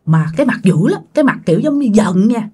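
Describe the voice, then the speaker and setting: A woman's voice: medium pitch, big pitch swings, fast talker, dark tone, husky. A woman, hosting and narrating a ghost story casually, talking straight to her listeners. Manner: chatty, addresses listeners directly. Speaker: storytelling channel host.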